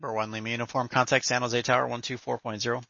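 Crisp-edged male air traffic controller on radio. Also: medium pitch, flat delivery, very fast, pushed and bright, no echo, dull audio. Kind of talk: procedural radio instructions. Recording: dry, band-limited radio audio.

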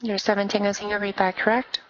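A woman speaks as an air traffic controller over the radio. Her voice sits at a medium pitch, delivering clipped, procedural clearances. The audio is dull and narrow, like a radio channel. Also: flat delivery, fast.

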